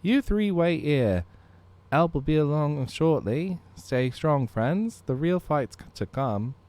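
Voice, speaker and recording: A man's voice: a little high, animated, takes it slowly, darkish tone, voice pushed up. Man doing a folksy Irish-tinged merchant. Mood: gruff. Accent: attempted Irish. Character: rough-spoken male merchant with a homespun drawl.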